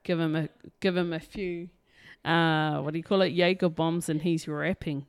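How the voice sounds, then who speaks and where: A woman's voice: deep voice, fairly even intonation, moderate pace, smooth, no room sound. A woman with a broad New Zealand accent co-hosting a podcast in casual, slangy, enthusiastic chat. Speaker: podcast co-host.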